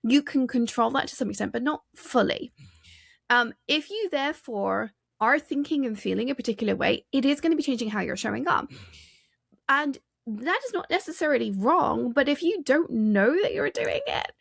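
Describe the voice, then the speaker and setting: Gravelly-voiced woman coaching with energy. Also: sits high, lively intonation, normal speed, no echo, clean studio sound. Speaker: executive coach, podcast guest. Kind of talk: interview conversation, explaining a framework.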